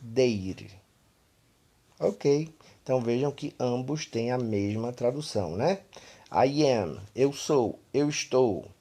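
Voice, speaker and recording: Speaking a little slowly in a mid-range, dark voice, a Northeastern Brazilian man from Pernambuco walks through an online English lesson. He keeps filling his explanations with "né" and "tá."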